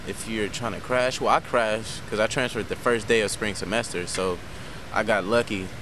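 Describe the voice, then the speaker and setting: A young man answers interview questions in a relaxed, plain-spoken way. Cars and street noise pass clearly behind him outdoors. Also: fairly low pitch, normal speed. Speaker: student athlete. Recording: outdoor traffic, cars passing.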